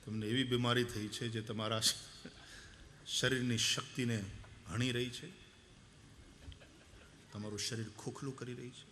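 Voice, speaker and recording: A religious storyteller with a mid-range voice takes his time and pauses often, a little hiss or hum underneath. His devotional sermon is animated: anecdotes, acted-out quoted voices and sung verses.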